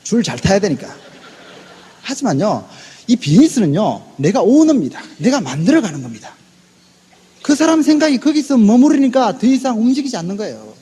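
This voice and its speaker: A man telling a motivational story to an audience, acting out the dialogue and breaking into shouts. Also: sits high, brisk, slightly rough, in a large hall. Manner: animated, acts out quoted dialogue, bursts into shouts; hot-tempered. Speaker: sales business presenter.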